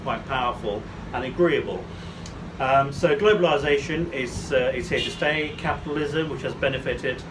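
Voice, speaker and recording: A man's voice: mid-range voice, distant mic, noisy background. A man from Bangladesh, talking to camera outdoors in a city in a rambling monologue full of fillers. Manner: rambling, hesitant, with many fillers. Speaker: vlogger giving commentary.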